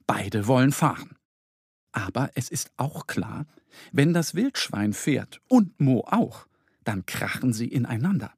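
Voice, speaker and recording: A man reading a children's story aloud in an expressive, lively scripted narration. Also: mid-range voice, a little slow, breathy edge, no room sound, clean studio sound.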